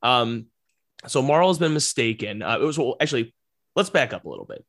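A man's voice: mid-range voice, big pitch swings, a little fast, fairly bright tone. A man co-hosting a podcast, talking casually and agreeably, with the odd laugh. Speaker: podcast co-host.

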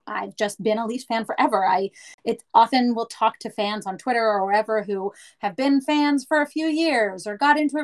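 A woman's voice: medium pitch, rough recording. Woman, mid-thirties, from Canada, casual storyteller, easy rambling chat. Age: 30s. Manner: chatty, storytelling, with small restarts.

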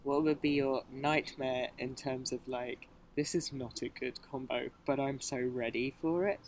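A woman's voice: very deep voice, steady tone, measured pace, slight background noise. A woman, a motorsport journalist, chatting as a podcast guest in a rambling, hesitant way with many restarts. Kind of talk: casual podcast chat.

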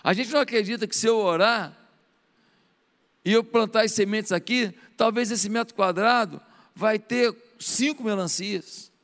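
High-voiced Brazilian pastor preaching in a hall. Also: male voice, a little slow. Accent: Brazilian Portuguese. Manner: animated preaching, acting out prayers in a hushed voice. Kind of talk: sermon. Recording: long hall reverb.

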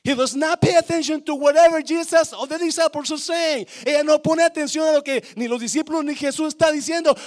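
Male pastor, high voice, gravelly, impassioned sermon, calls out to the church. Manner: impassioned, swings from hushed to shouting; calls out to congregation.

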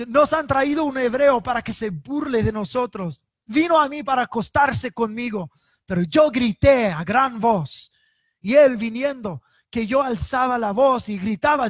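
A man preacher voicing a scheming woman who falsely cries that she was attacked, in a shrill, indignant voice. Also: no room sound, studio quality.

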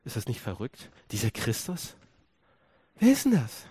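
A male pastor preaching a sermon, dropping to hushed low stretches, then rising into emphatic repeated questions. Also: wildly swooping pitch, normal speed, slightly rough, no room sound.

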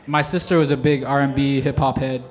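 A man from Singapore, a DJ guest on a radio show, talking in an easygoing, relaxed way. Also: mid-range voice, a little fast. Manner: easygoing, relaxed storytelling with fillers. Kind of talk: casual interview chat. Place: storefront of a music bar. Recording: live radio broadcast with music behind. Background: music playing.

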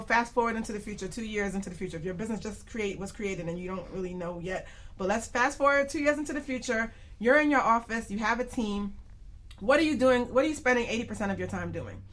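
This radio show host is a woman with a mid-range, slightly bright voice who talks quickly. She runs a casual panel discussion in an informal, chatty way, often breaking into laughter, with clear background noise and room ambience audible.

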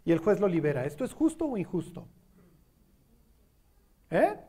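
Preaching in a conversational style, a Mexican-accented man keeps asking the audience questions to check they're following. His voice sits high and is very animated, mellow and husky, at a moderate pace.

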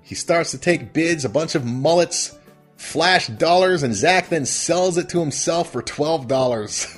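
A man's voice: fairly high pitch, measured pace, soft background music. A man hosting a casual comedic recap of a TV episode, rambling and amused at his own retelling. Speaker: host.

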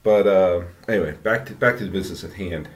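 A strong bathroom echo surrounds a man with a low-pitched voice. He talks casually as a podcast host, rambling through his thoughts. His phrases often halt, repeat and pick up again. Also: fast. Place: home bathroom, indoors. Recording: echoey bathroom reverb.

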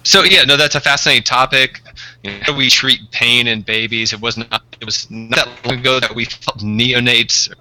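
A man speaking as the pediatrician guest on a podcast interview, talkative with dry humor and halting restarts. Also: medium pitch, steady tone, sharp tone, slight background noise, rough recording.

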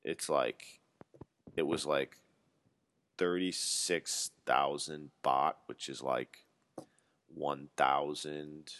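Extremely deep-voiced man in his twenties, ranting. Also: a bit bright. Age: 20s. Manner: ranting, profane, rambling. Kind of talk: solo casual monologue.

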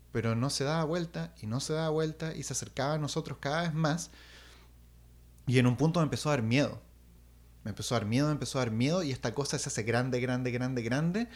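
A young man telling a personal story in casual chat, animated and acting out sounds. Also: mid-range voice. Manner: animated, acts out voices and sounds, restarts.

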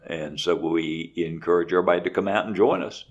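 Deep-voiced man, plain and unhurried. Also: fairly even intonation, highs cut off, a little hiss or hum. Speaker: race director. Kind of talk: casual interview.

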